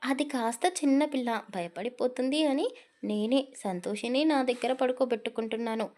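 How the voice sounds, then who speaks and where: A high, shrill middle-aged village mother, as a woman narrator puts her on, loud and fretful in a storybook reading. She scolds her son and wails to her husband, her voice climbing sharply whenever she is upset. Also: normal speed, lightly acted. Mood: tearful.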